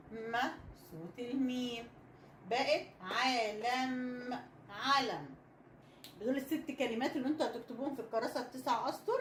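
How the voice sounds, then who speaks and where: Egyptian woman teaching reading, echoey room. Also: a little high. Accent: Egyptian Arabic. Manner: drawn-out letter sounds, patient repetition. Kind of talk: children's reading lesson. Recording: echoey room with faint noise.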